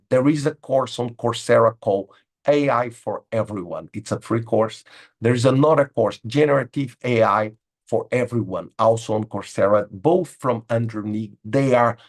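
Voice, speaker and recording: Over a video call, a Portuguese-speaking man hosts a casual webinar and responds to chat questions. His voice is husky and medium-pitched, and he speaks emphatically, repeating words and frequently adding "okay?"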